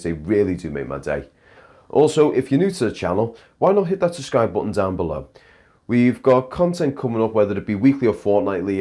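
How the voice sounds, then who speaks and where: His voice deep with a darkish tone, a young man chats casually while vlogging over drone shots. He rambles a bit and restarts his sentences.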